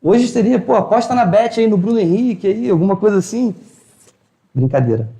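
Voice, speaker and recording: A spiritual lecturer gives an informal talk in the hall of a spiritual house, telling stories in colloquial slang and acting out the dialogue. His voice is high, creaky, and mellow, with lively intonation and a slightly fast pace. The recording has a roomy echo.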